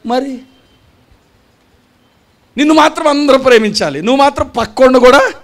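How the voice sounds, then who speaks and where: A man's voice: very high voice, normal speed, fairly bright tone. A man preaching a gospel sermon, scolding the congregation with rhetorical questions and mocking imitations of churchgoers. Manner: acts out churchgoers' voices mockingly. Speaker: pastor. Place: church gathering.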